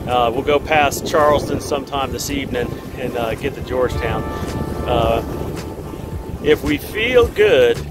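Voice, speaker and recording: A man narrates his sailing trip from the boat at sea in a relaxed, rambling way with easy fillers. His voice sits at an ordinary middle pitch, and music plays beneath him. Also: measured pace. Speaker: sailing vlogger. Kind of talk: casual vlog narration. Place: on a sailboat at sea.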